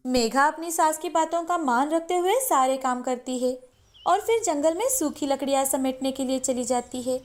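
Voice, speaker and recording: A woman giving a steady, expressive scripted narration of a cartoon story. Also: sits high, normal speed, faint music behind.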